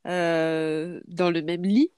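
A woman's voice: fairly low pitch, fairly even intonation, very slow, darkish tone, smooth, no echo, studio quality. Hesitant woman thinking aloud. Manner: hesitant, many fillers and restarts while thinking aloud. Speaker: podcast host parent. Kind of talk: casual podcast chat.

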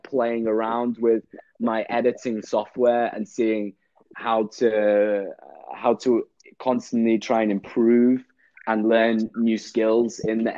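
A young English man, probably a guest actor, chats casually in an interview, his lowish voice dry and muffled on a dry recording. He sounds relaxed but halting, repeating words and slipping in dry jokes.

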